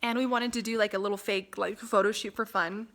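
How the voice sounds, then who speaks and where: A young woman from Las Vegas chatting casually to her camera, full of "like" and "um" and quick laughs. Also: medium pitch, steady tone, fairly bright tone. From Las Vegas, USA. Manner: chatty, lots of "like" and "um", laughs often. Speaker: vlogger. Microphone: phone camera.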